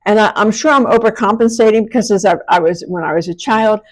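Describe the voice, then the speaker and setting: Talking fast at a medium pitch, this small-town Pennsylvania woman is a middle-aged podcast host and women's empowerment coach giving a blunt, casual motivational monologue full of self-deprecation. Her R and S sounds carry a slight impediment, and her R tends toward W.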